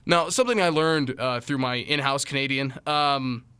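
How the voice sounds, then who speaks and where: A man hosting a comedic sports commentary vlog. He talks in an animated, jokey way and often mocks himself in asides. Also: medium pitch, moderate pace, clean tone. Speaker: host.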